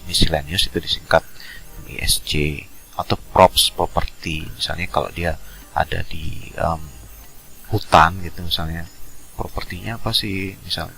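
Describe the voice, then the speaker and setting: A man giving an online university lecture over a video call, explaining step by step with hesitant filler pauses. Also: deep voice, creaky, bright, forceful tone, low-quality recording. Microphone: video call microphone.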